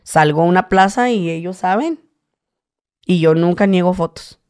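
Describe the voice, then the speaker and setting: A man in his late twenties from Tijuana with a northern Mexican accent, a guest in a casual interview, telling animated stories and slipping into high voices to mimic people. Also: normal speed, smooth. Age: late 20s.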